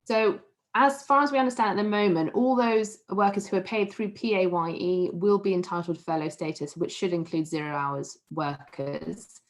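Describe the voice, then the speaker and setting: A woman on an online panel, explaining employment and tax rules in a clear, measured, professional way. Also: fairly low pitch, steady tone.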